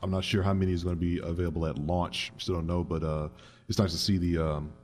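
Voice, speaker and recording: A man's voice: deep voice, fairly even intonation, fast talker, darkish tone. A man co-hosting a casual gaming podcast, mostly brief agreements and hesitant remarks. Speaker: podcast co-host.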